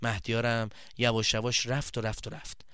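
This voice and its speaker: A man narrating a story for children, addressing them directly in a lively storytelling manner. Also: mid-range voice, clean tone, no room sound, studio quality.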